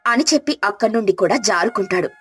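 A woman narrating a village moral story in a scripted storybook style, with clear, even delivery. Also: mid-range voice, fast, soft background music.

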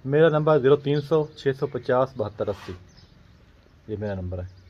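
A dairy farmer, explaining his heifer business in a steady, unscripted way with frequent hesitation sounds. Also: medium pitch, moderate pace, slight background noise. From Pakistan. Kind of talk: unscripted interview answers. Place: outdoors at a farm. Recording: slightly dull outdoor recording.

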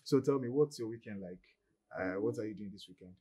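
A young man, playing a smooth-talking boyfriend who coaxes and wheedles. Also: on the low side, fairly quick, mellow. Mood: coaxing. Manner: coaxing, wheedling.

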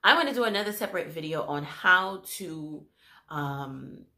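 A woman with a Haitian accent, in her thirties, telling stories about her work as a home health aide in a casual, animated way, slipping into Haitian Creole, with many fillers. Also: deep voice, normal speed, echoey room. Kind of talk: casual storytelling to camera.

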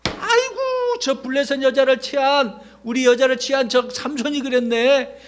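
A man playing angry Philistine men in a children's Bible story, yelling accusations. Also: extremely high pitch, moderate pace, voice pushed up. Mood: outraged.

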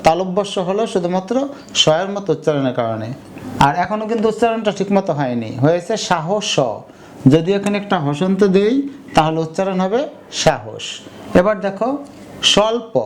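A young man teaching an online grammar lesson, explaining step by step and saying example words again slowly. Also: high voice, a little mellow, a little hiss or hum. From Bangladesh.

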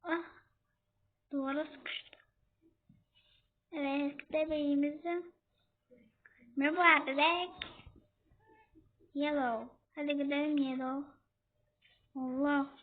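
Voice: sits high, little pitch movement, takes it slowly, long pauses. A young gamer chatting to viewers and scolding an in-game baby during a horror game. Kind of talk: casual gameplay commentary. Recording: tinny phone-like audio with faint noise.

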